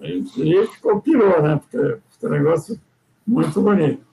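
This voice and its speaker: The guest sailor, an older Brazilian man with a high, gravelly, mellow voice, rambles through sea stories in a relaxed storytelling chat. He speaks animatedly at a moderate pace, frequently tags sentences with "né?", and restarts his thoughts. The audio is poor.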